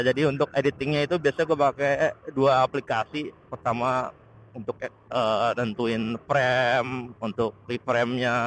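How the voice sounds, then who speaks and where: A motovlogger, a man with a medium-pitched voice, chats casually and rambles while riding his motorcycle on the road, often hunting for the right word. He's recorded outdoors through a Bluetooth helmet intercom mic, so the wireless audio is noisy, with wind and road noise behind him.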